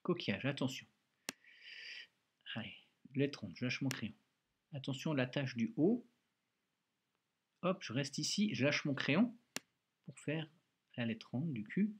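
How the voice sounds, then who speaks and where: A man's voice: medium pitch, lively intonation, unhurried, long pauses, a little hiss or hum. A male schoolteacher recording a handwriting lesson for a child, patiently talking through each pen stroke aloud with an encouraging manner. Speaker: primary school teacher.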